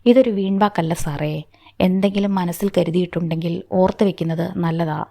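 A woman voicing a steady, protective middle-aged father who speaks firmly, in a warm, dry reading. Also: lowish voice, a little fast, gravelly, no room sound. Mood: defiant. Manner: firm, reassuring.

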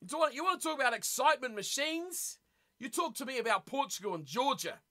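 A man's voice: very high-pitched, very animated, fairly quick, sharp tone. A man with a New Zealand accent hosting a rugby watch-party stream, chatting casually with viewers, teasing them and laughing often. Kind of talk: casual live-stream chat, reading chat aloud.

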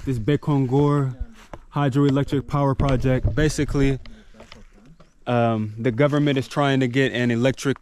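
A man in his thirties chatting casually to camera in a relaxed, conversational way while exploring outdoors. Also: mid-range voice, normal speed. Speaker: travel vlogger. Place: outdoors on forest trails and dirt roads. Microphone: action camera at arm's length. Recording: noisy outdoor camera recording, engine and nature ambience.

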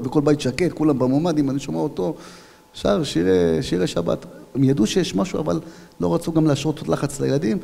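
A young man, a police officer, giving a personal testimony at a public event, telling his story with animation and acting out shouted dialogue. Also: a little high, vocal fry, in a large hall. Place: event hall.

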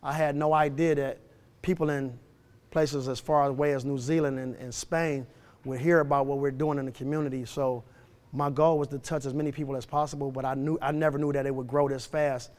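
A man's voice: mid-range voice, level tone, brisk, a little mellow. A man from Detroit, a boxing gym founder and coach, speaking earnestly and plainly in a documentary, often repeating his phrases. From Detroit, USA. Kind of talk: documentary interview and talk to students.

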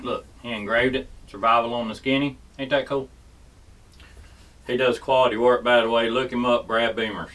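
A folksy man walks through a casual how-to demonstration and keeps checking in with "okay?". His voice sits at an everyday middle pitch. He is recorded from a little way off the mic. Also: fairly bright tone, distant mic, rough recording. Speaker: host. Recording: voice set back from the mic.

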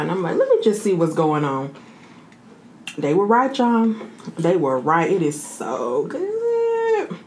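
A woman in her thirties chatting casually as a mukbang host, talking while eating and savoring her food. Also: lowish voice. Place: small room indoors, seated at a table. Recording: noticeable room noise.

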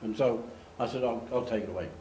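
This older Australian man speaks fast at a medium pitch during an animated storytelling slide talk at a lectern in a meeting room. He gestures and performs the voices of people he quotes. Captured by a distant camera, the audio is echoey with faint ambience and slight background noise.

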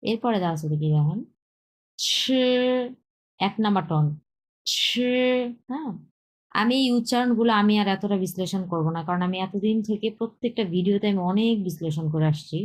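A woman teaches a beginner Chinese lesson, repeating words slowly and mixing in English terms. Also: medium pitch, darkish tone, rough recording. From Bangladesh. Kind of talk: slow explanatory lesson with drilled pronunciation.

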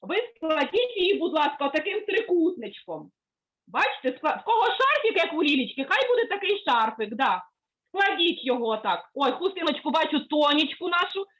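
A woman music teacher leading an online lesson for children over a video call, coaxing and praising them as she gives gentle instructions. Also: high voice, sing-song, normal speed, poor audio.

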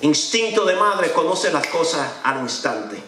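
A middle-aged pastor, preaching an animated sermon in a church. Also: male voice, fairly high pitch, unhurried, background noise. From Dominican Republic. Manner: animated preaching, acts out conversations with changing voices. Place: large church sanctuary. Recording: echoey church hall, voice from far off.

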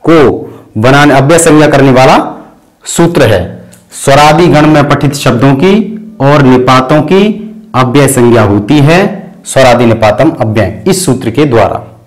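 A man's voice: mid-range voice, poor audio. A man teaching a grammar lesson. He talks patiently, breaks terms into parts, and uses many fillers. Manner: chants sutras slowly and softly. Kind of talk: explanatory lesson.

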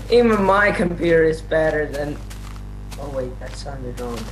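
A man's voice: on the high side, animated, normal speed. A man chatting casually while playing a game with friends, rambling and giggly and often trailing off. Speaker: game player. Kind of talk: casual gaming chat. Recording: noisy voice chat capture.

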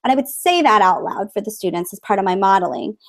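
A woman's voice: medium pitch, expressive, quick pace. A woman teacher presenting to fellow educators over a video call, explaining her methods in a friendly way with many fillers. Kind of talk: conference presentation with screen share.

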